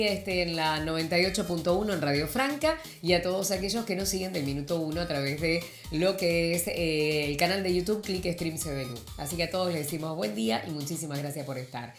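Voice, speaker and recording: In a radio studio with an echoey sound, a woman with a lowish voice and an Argentine accent runs a morning show. She greets warmly, then talks casually and loosely, with many fillers and restarted sentences.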